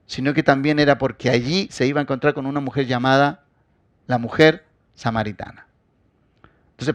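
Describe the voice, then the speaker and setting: Impassioned male pastor with a higher voice. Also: no room sound, clean studio sound. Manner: preaching with big swings between loud emphasis and quiet asides; addresses the congregation directly as beloved. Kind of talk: sermon.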